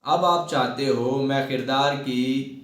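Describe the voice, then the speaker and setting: A man gives an acting lesson in a slow, deliberate voice, repeating his key words for emphasis. His voice rings with heavy room echo. He sounds set back from the microphone. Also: medium pitch, a bit bright. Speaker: acting teacher. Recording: echoey room, far from mic.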